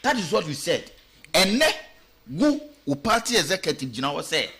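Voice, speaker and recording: Ghanaian male pundit, fairly high bright voice, radio talk show commentary, animated and questioning. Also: moderate pace, slightly rough. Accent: Ghanaian English with Twi. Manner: animated, rhetorical questions, mixing English and Twi. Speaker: political commentator.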